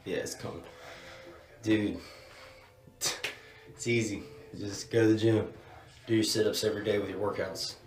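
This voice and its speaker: A man's voice: fairly low pitch, flat delivery, moderate pace, long pauses. A man in his thirties in a small indoor room, rambling in a laid-back, filler-heavy way about workouts into a phone camera. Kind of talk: casual fitness video. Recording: echoey room.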